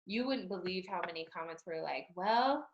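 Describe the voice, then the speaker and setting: A woman's voice: lowish voice, lively intonation, normal speed, reverberant, dull audio, a little hiss or hum. A woman from Utah, an author, talking candidly and reflectively in an interview, often saying "you know.". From Utah, United States. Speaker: author and guest. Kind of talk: conversational interview.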